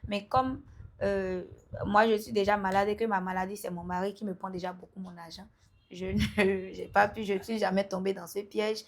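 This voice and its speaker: Gravelly, emphatic woman. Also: mid-range voice, level tone, normal speed. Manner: emphatic, breaks into loud calls to listeners; laughs between remarks. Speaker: entrepreneur guest. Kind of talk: casual interview chat.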